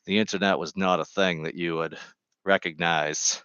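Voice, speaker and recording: A man chatting casually on a vlog, rambling from topic to topic with deadpan, jokey humor, speaking into a Bluetooth microphone. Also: sits low, normal speed, clean tone, no room sound, muffled recording. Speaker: vlogger.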